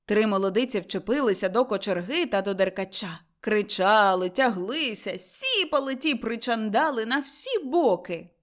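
Expressive woman narrating an audiobook. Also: medium pitch, moderate pace, few pauses. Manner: expressive storytelling. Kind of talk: scripted narration.

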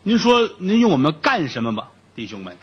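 A man's voice: fairly high pitch, huge pitch swings, a little fast, breathy edge, highs cut off, heavily acted. A man voicing a boastful, streetwise male prison inmate in a comic told story. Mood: brash. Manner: brash, jokey.

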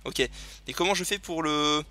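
Bright, higher-pitched man doing game commentary. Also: normal speed, clean tone. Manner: excitable, chatty, thinking aloud. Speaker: gaming video host. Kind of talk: casual let's play commentary. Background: video game sounds.

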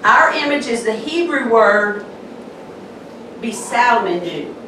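A woman pastor with a Southern accent preaching a sermon slowly and emphatically. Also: high voice, lively intonation, a bit bright, slight background noise. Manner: slow, emphatic preaching with pauses. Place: church sanctuary. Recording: echoey church hall, mic from a distance.

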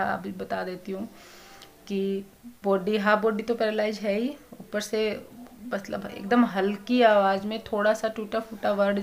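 Worried woman vlogger, soft-spoken. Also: medium pitch. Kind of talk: casual family update vlog.

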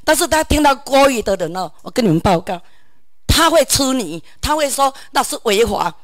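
A woman's voice: fairly high pitch, fairly quick, no room sound. Chatty middle-aged Taiwanese woman telling a story. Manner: animated storytelling, acts out the phone calls; many sentence-final particles and restarts. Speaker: audience member sharing a story. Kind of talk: personal anecdote at a meeting.

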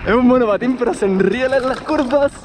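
A Chilean man in his thirties talks casually about a mountain bike, his voice sitting high for a man. The sound is roomy and echoey, picked up on a small camera. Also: fast, background noise. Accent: Chilean Spanish. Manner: excited exclamations while riding, relaxed explaining at home. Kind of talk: casual vlog, riding commentary then bike review. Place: trail ride outdoors, then indoor room with bike stand.

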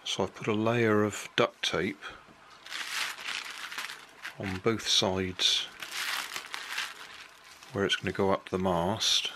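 A man's voice: on the low side, fairly even intonation, takes it slowly, long pauses, noisy background. An older man casually walking through a hobby build at a kitchen table, explaining each step plainly and unhurriedly, correcting himself as he goes.

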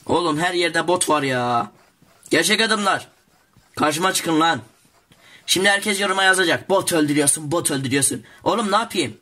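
Teen boy yapping over his game, jokey and hyped, bright punchy voice. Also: high voice, normal speed, long pauses. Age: teens. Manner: excitable, jokey, talks to viewers as "arkadaşlar". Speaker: gaming YouTuber. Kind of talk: casual gameplay commentary.

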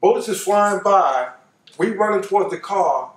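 This older American man has a high, animated voice and keeps a moderate pace while telling a personal story. He talks colloquially and casually, repeating phrases for emphasis, from a couch in his living room. The recording is roomy, made with the microphone at a distance.

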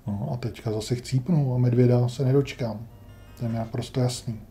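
Male let's-player, deep mellow tone, dry grumbling self-talk, light music underneath. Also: fairly even intonation. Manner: wry, grumbling, talks to himself while playing. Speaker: gameplay commentator. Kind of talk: casual let's-play commentary.

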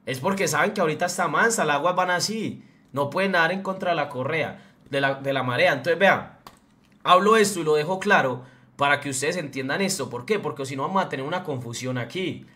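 Brisk and forceful, this young man's bright, slightly high voice carries an Antioquia Colombian Spanish accent. He's a streamer delivering a fired-up, profane, blunt rant on a livestream.

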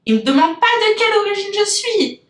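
A woman's voice: very high-pitched, very animated, brisk, reverberant. A woman from France with a French accent, a business coach hosting her podcast in a loose, unscripted monologue that rambles and digresses as she talks straight to her listeners. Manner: rambling, chatty, loses her thread and digresses; talks directly to listeners with frequent fillers.

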